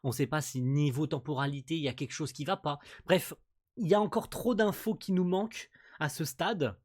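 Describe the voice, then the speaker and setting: Excitable man reacting to a manga. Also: a little high, normal speed. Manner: excitable, swears, laughs often, reads panels aloud. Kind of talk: casual manga chapter reaction.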